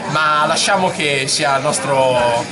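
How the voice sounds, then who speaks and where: A man's voice: on the high side, takes it slowly, over music. A man as host, introducing an interview in a jokey mock live-broadcast style in a pizzeria. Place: restaurant pizzeria.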